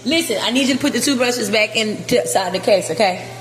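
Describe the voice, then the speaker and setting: A woman chats on a phone livestream, heartfelt and quick to laugh. Her voice sits a touch high, and it bounces around empty, echoey rooms with a long reverb tail. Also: slight background noise. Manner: chatty and heartfelt, often laughing. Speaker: vlogger showing her new apartment. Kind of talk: casual livestream chat.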